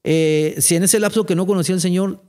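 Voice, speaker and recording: A man's voice: sits high, steady tone, brisk, a little mellow. A man giving an earnest personal faith testimony in conversation, retelling talks he had with others.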